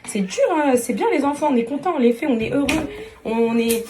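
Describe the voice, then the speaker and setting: A woman's voice: on the high side, brisk, very noisy. A woman talking casually to her followers in a vlog, venting in a repetitive, exasperated way and walking through a beauty routine. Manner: exasperated, venting, repeats herself; chatty beauty tutorial. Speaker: social media influencer.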